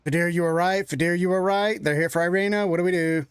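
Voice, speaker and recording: A man voicing a bold, brash young woman warrior who calls out loudly and urgently. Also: high-pitched, steady tone, fast talker, clear, resonant tone, dry recording, voice pushed up, lightly acted.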